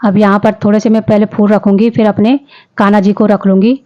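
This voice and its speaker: A woman's voice: medium pitch, level tone, a little fast, mellow, dull audio. A woman vlogger narrating her day in a casual voice-over, chatty, often restarting and correcting herself.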